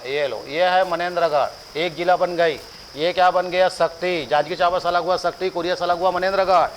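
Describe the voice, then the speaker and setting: A man's voice: high-pitched, a bit bright, a little hiss or hum, poor audio. A male coaching teacher giving an exam-prep lecture, drilling dates by repeating them and quizzing the students in a joking, familiar way.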